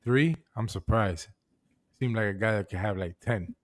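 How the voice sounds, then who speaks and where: A man's voice: lowish voice, moderate pace. A man in a casual livestream chat, telling loose stories and swearing freely.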